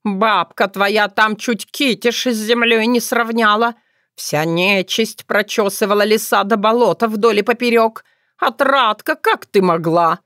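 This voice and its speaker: A fussy, dramatic talking tomcat who wails, scolds and pities himself, as a woman puts him on. His voice sits high and loud and stretches his words into drawn-out howls. It is a storybook recording, dry and close. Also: no room sound, close to an everyday voice. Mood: scolding. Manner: wailing, scolding, self-pitying. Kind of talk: audiobook character voice.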